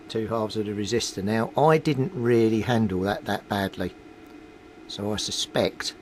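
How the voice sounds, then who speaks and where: This deep-voiced man, a radio repair hobbyist who makes videos, thinks aloud as he works at his messy home workbench. The informal narration comes through poor audio with a rumbly background.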